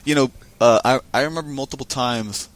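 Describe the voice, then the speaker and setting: A man's voice: medium pitch, a little fast. A man giving casual, chatty commentary on a card game match, thinking aloud as he goes.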